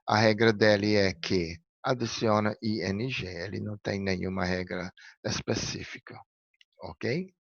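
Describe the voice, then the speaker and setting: A man from Brazil teaching an English lesson with unhurried, patient explanations. His low, gravelly voice sounds a little husky. The recording is dry and dull, with a slightly lo-fi sound. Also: steady tone, no room sound. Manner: patient, step-by-step explaining, frequent "ok?" checks.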